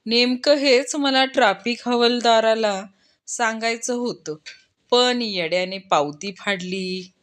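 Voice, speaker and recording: A woman reading short jokes aloud, dropping low and soft to name each speaker. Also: slow. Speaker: joke reader.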